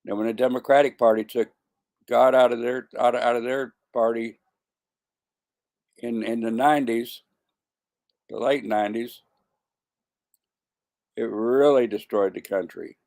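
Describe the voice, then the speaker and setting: Man, 70s, gravelly, halting delivery with frequent restarts; casual to-camera monologue. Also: medium pitch, fairly even intonation, darkish tone. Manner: stumbling, repeats and corrects himself. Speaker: vlogger.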